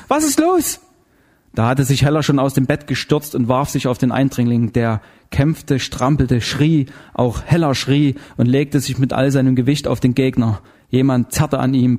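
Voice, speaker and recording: A man narrating an audiobook in a measured, dramatic way. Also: medium pitch, mellow. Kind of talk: scripted narration.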